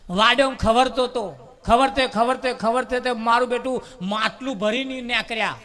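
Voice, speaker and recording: A man tells a parable at a devotional gathering in a very high, bright voice. He talks in an animated, folksy way and repeats words for rhythm. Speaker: preacher. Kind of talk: storytelling sermon at a devotional gathering.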